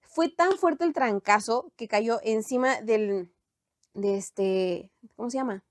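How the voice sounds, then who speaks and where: A young woman with a Mexican accent tells a story in a lively, slangy, animated way. Her voice sits fairly high. The recording is dry and close, with little room sound. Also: slow, no echo. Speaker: storytime vlogger. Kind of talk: casual storytime chat.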